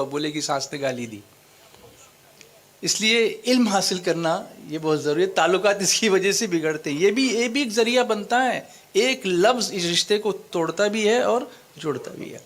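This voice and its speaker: A man with a slightly high voice lectures a gathering in sermon style. He works through his point step by step, repeating phrases and quizzing his listeners. English words slip into his speech as he goes. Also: a bit bright. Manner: explanatory, quizzes the audience, repeats phrases for emphasis. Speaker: Islamic preacher.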